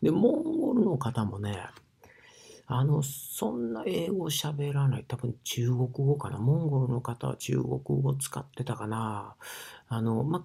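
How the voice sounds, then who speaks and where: A man from Osaka speaking with an Osaka dialect, rambling in a casual monologue with many fillers and often sinking to a breathy near-whisper. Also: mid-range voice, dark tone. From Osaka, Japan. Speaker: sauna ambassador.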